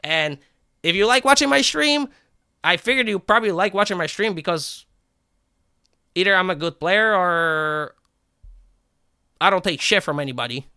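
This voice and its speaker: A man livestreaming a game and ranting to his chat, profane and combative, swinging between animated outbursts and flat calm, with a habit of asking "right?". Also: sits high, moderate pace, long pauses, clear, resonant tone, no room sound, clean studio sound. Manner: repeats "right?" and restarts words. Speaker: live game streamer talking to chat. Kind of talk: unscripted stream rant.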